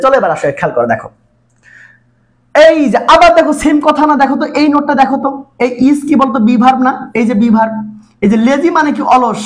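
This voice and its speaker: Fast-talking man tutoring. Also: extremely high pitch. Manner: repetitive coaxing, constant quiz questions to students. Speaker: English tutor. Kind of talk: live online exam-prep class.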